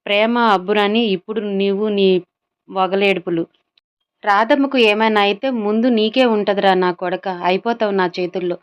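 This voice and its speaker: A woman's voice: medium pitch, dull audio, lightly acted. Woman reading as a furious young man in a rage. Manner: shouting, insulting, breathless. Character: furious young man shouting at his rival.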